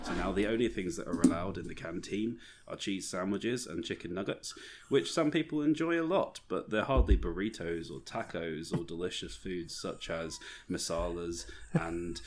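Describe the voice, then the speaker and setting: A young man playing along in a comedy quiz podcast, making up deadpan nonsense answers. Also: low-pitched, moderate pace. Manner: deadpan improvised nonsense, protests loudly. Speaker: quiz contestant. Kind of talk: casual comedic podcast banter.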